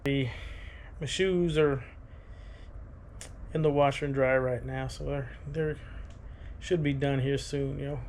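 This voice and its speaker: A man in his thirties with a creaky, fry-laden voice rambles casually for a vlog. He talks haltingly, as if thinking aloud, at an ordinary middle pitch. Some ambient noise sits behind him. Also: fairly even intonation, a little mellow. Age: 30s. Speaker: running vlogger.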